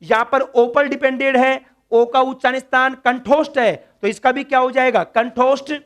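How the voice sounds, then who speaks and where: Lecturing on Sanskrit grammar in a classroom, this man poses questions to students and answers them himself while repeating key words. His very high voice is steady and fairly bright, and he speaks at a normal speed.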